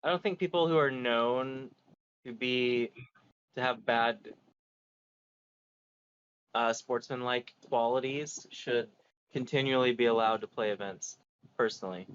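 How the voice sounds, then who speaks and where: A man's voice: medium pitch, measured pace, pauses often, a bit bright, smooth. A man in casual podcast chat, blunt and opinionated. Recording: slightly dull lo-fi mic.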